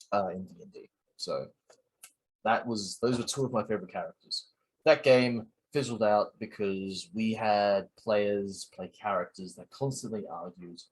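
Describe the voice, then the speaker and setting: A man's voice: low voice, husky, poor audio. A man hosting a casual solo podcast, talking hesitantly with many fillers and restarts. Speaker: podcast host.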